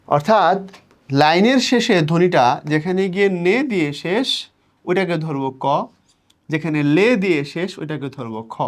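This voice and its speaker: A young man teaching an exam-prep lesson, explaining patiently and counting out syllables slowly. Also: a little high.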